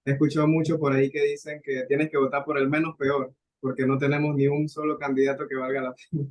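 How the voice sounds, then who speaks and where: A man's voice: medium pitch, level tone, quick pace. A young man, a student, co-hosting a casual podcast in an agreeable, chatty way. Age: young adult.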